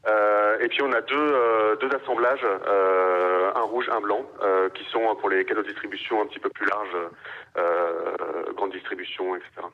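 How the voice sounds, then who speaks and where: Hesitant Parisian man, low voice. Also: steady tone, normal speed. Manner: hesitant, many fillers and restarts. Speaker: winemaker guest. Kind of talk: radio interview answers. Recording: dull radio sound.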